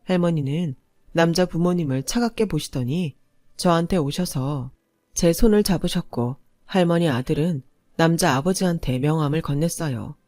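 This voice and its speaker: A woman narrating a first-person story in a steady storytelling manner. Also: deep voice, normal speed, no room sound, studio quality.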